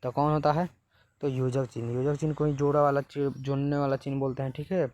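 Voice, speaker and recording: A man's voice: medium pitch, flat delivery, fast talker, darkish tone. A man teaching a lesson, working through exam questions one at a time and repeating each answer to the students.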